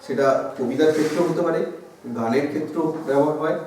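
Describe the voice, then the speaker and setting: Teacher explaining in an echoey room. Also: male voice, on the high side, quick pace, warm tone, distant mic, slight background noise. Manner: explanatory, drawing out sounds to demonstrate. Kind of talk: classroom grammar lesson.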